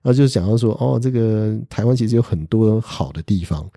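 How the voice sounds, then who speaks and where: A man's voice: lowish voice, lively intonation, fairly quick, mellow, no room sound, studio quality. A middle-aged man with a Taiwanese Mandarin accent, a law professor hosting a podcast, telling a story in a chatty way with many little "ha" tags and fillers. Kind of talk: casual storytelling.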